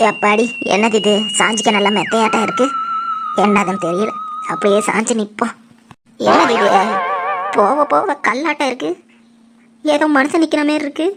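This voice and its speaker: A woman voicing a timid village woman in a cartoon who wonders aloud what she is touching in the dark. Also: a little high, huge pitch swings, normal speed, long pauses, over loud music, pitched below the performer's own voice. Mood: puzzled. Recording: loud background noise.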